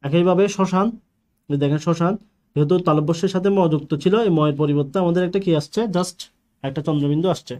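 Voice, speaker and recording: A man's voice: fairly high pitch, steady tone, fast talker, darkish tone. A male teacher giving an online grammar lecture, posing questions to the class and answering them himself.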